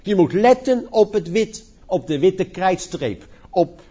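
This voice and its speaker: A man's voice: high voice, animated, takes it slowly, dark tone. A man preaching a sermon with an emphatic, rising and falling cadence, addressing the congregation. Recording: dull lo-fi church recording.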